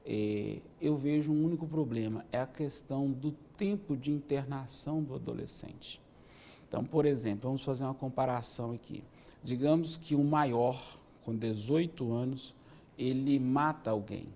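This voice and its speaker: Mellow-voiced man in his fifties. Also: medium pitch, a little hiss or hum. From Minas Gerais, Brazil. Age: 50s. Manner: measured, explanatory, with many "né" tags. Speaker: police chief, interview guest. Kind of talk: interview answers.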